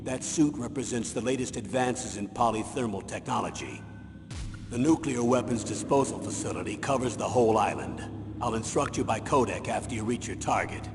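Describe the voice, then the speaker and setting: An actor playing a grave military colonel in a video game, delivering a commanding briefing. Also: male voice, mid-range voice, normal speed, lightly acted. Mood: firm, matter-of-fact. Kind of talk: scripted video game voice acting. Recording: echoey hall, noisy ambience.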